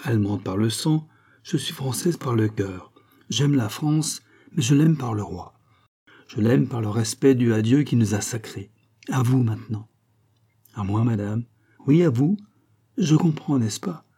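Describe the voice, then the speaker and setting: A man's voice: medium pitch, a little slow, dark tone, breathy edge. A man reading aloud, voicing a proud, imperious queen in a storybook reading. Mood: haughty. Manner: imperious, reproachful. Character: proud haughty queen, woman, stern.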